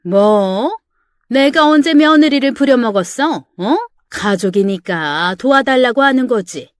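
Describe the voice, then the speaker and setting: A woman's voice: on the high side, animated, unhurried, no room sound, clean studio sound. A woman voicing a selfish, scolding middle-aged mother-in-law in a dramatized story reading. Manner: sharp, scolding, self-pitying.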